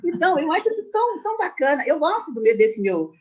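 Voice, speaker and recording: A woman in her sixties talks fast and with lots of emphasis as she tells her own stories. Her voice comes through a dull, lo-fi video-call connection. She sounds casual and lively. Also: high voice. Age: 60s. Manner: animated storyteller, quick and emphatic. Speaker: numerologist guest.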